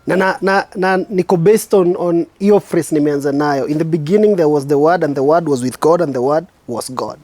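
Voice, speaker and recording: A man with a Kenyan accent, a spoken word artist hosting his show, giving a preachy, reflective monologue with slow, emphatic stresses. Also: a little high, darkish tone, no echo.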